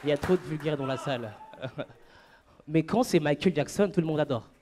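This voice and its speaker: A man doing a stand-up comedy set on stage, playful and animated, breaking into falsetto and shouts for gags. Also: a little fast, a faint crowd, a little hiss or hum. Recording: live club with audience.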